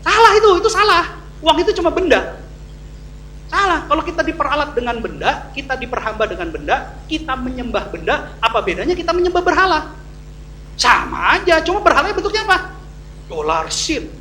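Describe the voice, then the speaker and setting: A middle-aged man preaching a sermon to a church congregation. He jokes, leans hard on key words, then drops to low asides. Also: a little fast. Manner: lively and joking, swinging from loud emphasis to low asides. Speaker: pastor. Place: church hall. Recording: echoey church hall, faint hum.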